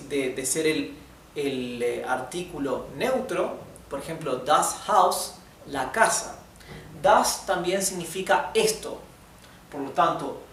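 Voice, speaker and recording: Male teacher, slightly high voice, slow and patient delivery, faint room noise. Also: fairly bright tone. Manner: checks in often with "¿sí?" and "¿bien?"; slow, careful demonstrations of German words. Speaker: German teacher. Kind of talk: classroom lesson explaining grammar. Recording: echoey room, mic some distance off, faint noise.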